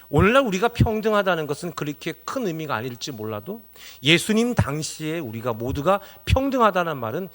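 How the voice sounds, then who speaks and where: A man preaching a sermon in a high, bright voice that swings widely between soft asides and ringing emphasis. He keeps asking the congregation questions and then answers them himself. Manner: rises to emphatic exclamations. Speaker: pastor.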